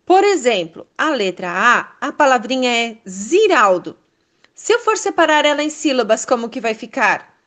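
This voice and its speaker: A Brazilian woman teacher leading a first-grade lesson, reading words slowly and praising the children. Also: on the high side, big pitch swings, a bit bright. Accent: Brazilian Portuguese. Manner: slow, syllable-by-syllable, encouraging.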